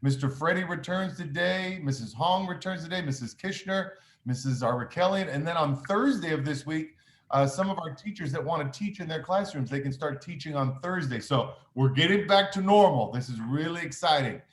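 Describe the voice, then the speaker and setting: A man's voice: on the high side, moderate pace. A man giving upbeat school intercom morning announcements as principal, encouraging, with frequent "uh" fillers. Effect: school intercom announcement sound. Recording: echoey room with faint noise.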